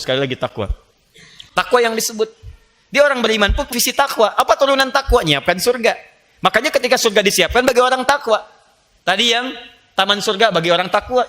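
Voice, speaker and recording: A man preaching a lively sermon, playful and animated, joking with the audience and acting out little scenes. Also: high-pitched. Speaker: Islamic preacher.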